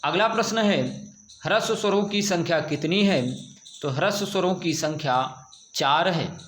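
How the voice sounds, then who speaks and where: A man's voice: on the high side, a little slow, a bit bright, a little hiss or hum. A male teacher giving a grammar lesson to students, patiently asking questions and answering them himself. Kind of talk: slow classroom grammar lesson. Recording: echoey room.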